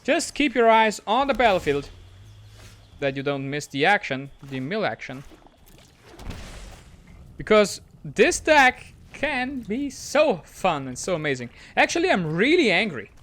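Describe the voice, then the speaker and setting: A man hosting a gaming channel, giving excitable, quick, self-mocking commentary on a digital card game match. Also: sits high. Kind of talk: gameplay commentary.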